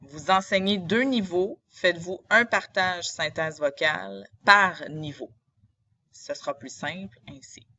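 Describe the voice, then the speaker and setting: Deliberate, bright-voiced Quebec French woman. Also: fairly low pitch, muffled recording. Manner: didactic, step-by-step. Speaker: teacher. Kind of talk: scripted-style screen tutorial narration.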